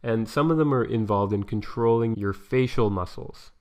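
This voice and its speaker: A man's voice: lowish voice, normal speed, darkish tone. A man narrating an explanatory medical lesson in a conversational way, asking and answering his own questions.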